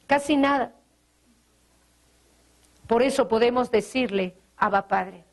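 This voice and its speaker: Woman preacher, high bright register, earnest sermon delivery, softens and slows on tender passages. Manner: earnest preaching with rhetorical questions and scripture quotes. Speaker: pastor.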